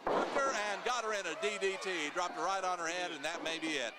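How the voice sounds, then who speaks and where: A man's voice: high-pitched, a little fast. A man calling live wrestling action as play-by-play commentator in a noisy venue.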